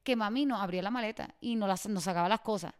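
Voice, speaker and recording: A young woman with a Puerto Rican accent, telling lively stories as a co-host in casual chat. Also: medium pitch, fast talker, smooth. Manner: animated storyteller, laughs often. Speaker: podcast co-host.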